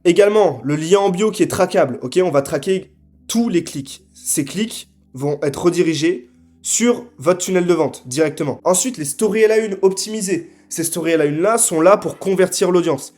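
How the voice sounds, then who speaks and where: A young man giving a scripted sales pitch to camera, assertive and punchy, often tagging his sentences with quick check-ins. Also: darkish tone, faint music behind. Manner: assertive, punchy, frequent tag questions. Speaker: marketing consultant.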